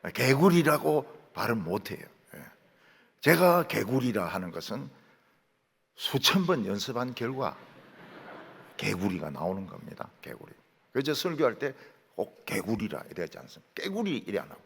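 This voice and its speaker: A middle-aged pastor from Korea's Gyeongsang region, speaking with a Gyeongsang accent, preaches a sermon in a large church sanctuary, telling stories and mimicking dialect words. His lowish voice is gravelly and husky, with big pitch swings at a moderate pace, and the recording has long hall reverb.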